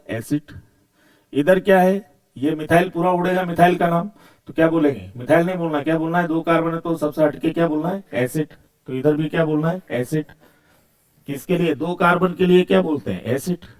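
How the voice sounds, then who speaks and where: A man's voice: a little high, brisk. A man teaching chemistry, asking questions and answering them himself and repeating key words. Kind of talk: video lecture.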